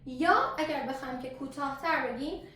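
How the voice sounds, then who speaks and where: A woman teaching an English grammar lesson, slowly stretching out example sentences and often checking in with "okay?". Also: sits high, sharp tone. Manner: checks in with "okay?" and asks questions back. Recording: very echoey room, faint hiss.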